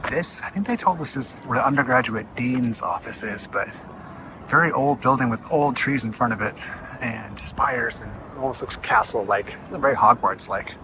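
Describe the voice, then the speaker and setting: A man's voice: medium pitch, normal speed. Man giving casual walking tour, noisy outdoors. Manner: enthusiastic, offhand, unsure of details. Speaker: visitor filming a walking campus tour. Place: outdoors walking, some indoor stretches. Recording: outdoor urban noise, traffic ambience.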